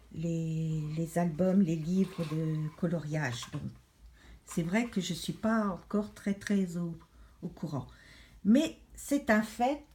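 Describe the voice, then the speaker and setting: Slow, rambling French craft vlogger woman. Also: medium pitch, dark tone. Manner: chatty, rambling, hesitant with many pauses. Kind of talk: casual chat showing a colouring book.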